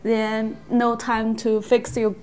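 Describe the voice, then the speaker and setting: Young woman, Hmong accent and native Hmong, higher voice, unhurried, halting non-native storyteller in casual conversation. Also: completely flat delivery, darkish tone, a little hiss or hum. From China. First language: Hmong (Miao). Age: young adult. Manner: halting non-native English with word searching. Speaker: interviewee.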